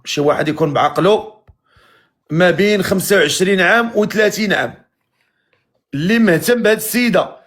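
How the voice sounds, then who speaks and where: A Moroccan man with a high voice hosts a live stream, talking briskly and teasing his callers. His casual patter runs on with quick calls to the viewers. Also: fairly bright tone. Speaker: live matchmaking host. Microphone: live video stream.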